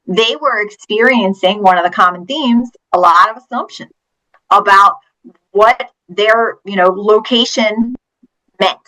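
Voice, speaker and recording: A woman from Pennsylvania with a bright, clear-edged voice speaks as a guest teacher and author. She answers earnestly and tells stories from her classroom with emphatic stress. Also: mid-range voice, measured pace, low-quality recording. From Pennsylvania, USA. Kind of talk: interview answers.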